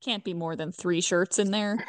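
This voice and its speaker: A woman's voice: on the low side, fairly even intonation, moderate pace, no room sound. A woman co-hosting a casual podcast, chatting about a film with dry, joking asides. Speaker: podcast co-host. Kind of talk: casual chat recapping a film.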